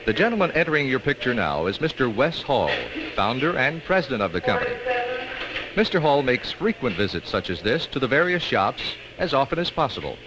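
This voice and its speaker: On an old 1960s film soundtrack with a noisy background, an American man reads scripted training film narration. His medium-pitched voice is very animated, instructional, and delivered with measured emphasis.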